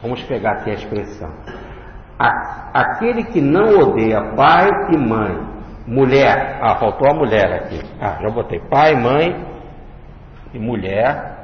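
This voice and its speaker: Male lecturer, religious study talk, unhurried, melodic delivery, echoey hall recording. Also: medium pitch, big pitch swings. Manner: explanatory, repeats and enumerates points slowly. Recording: echoey hall, dull lo-fi, faint hiss.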